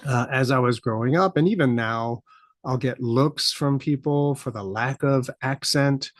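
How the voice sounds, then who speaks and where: Thinking aloud on his solo podcast, a middle-aged American host muses reflectively, pausing often and filling the gaps with "uh." His voice sits at an ordinary male pitch, and the sound is dry and close, with no room around it and no echo.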